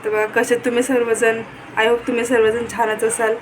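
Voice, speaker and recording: A woman's voice: on the high side, flat delivery, normal speed. A young woman, chatting casually to the camera in a home vlog as she looks after her children. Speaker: vlogger. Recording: noisy home recording.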